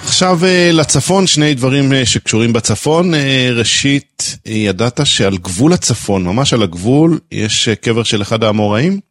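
A man's voice: medium pitch, expressive, few pauses. A man with an Israeli accent hosting a live radio morning show, asking questions and linking segments.

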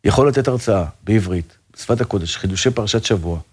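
Male rabbi guest, slightly low voice, earnest and fervent, conversational. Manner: earnest, fervent, full of religious phrases and restarts. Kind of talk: casual interview talk.

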